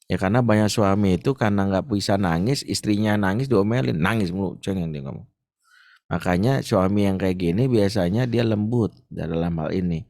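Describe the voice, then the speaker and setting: A man speaking as an ustadz in an Islamic parenting talk, answering a question in a lively, joking way. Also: sits low, normal speed, creaky, no room sound, clean studio sound. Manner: lively, joking, acts out stories.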